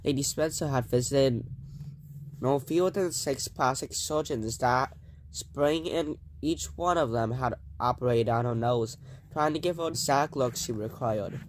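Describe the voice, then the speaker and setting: A man reading a children's book aloud in a plain, steady storytelling voice. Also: medium pitch, measured pace, slight background noise. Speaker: reader.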